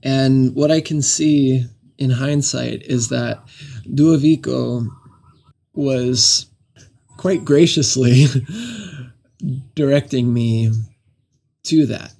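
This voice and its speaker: Interview guest: man, slow, reflective, gravelly, dark-toned storyteller. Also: mid-range voice, fairly even intonation. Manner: thoughtful, unhurried, frequent "you know", soft laughs. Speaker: guest telling a travel story.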